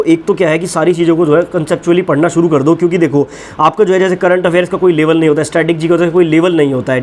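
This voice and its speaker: A man's voice: on the high side, darkish tone, slight background noise. A young man hosting an exam-prep channel, sharing his own experience and giving direct, earnest advice to viewers in a casual talk. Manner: earnest, direct, reassuring with "ठीक है ना" asides.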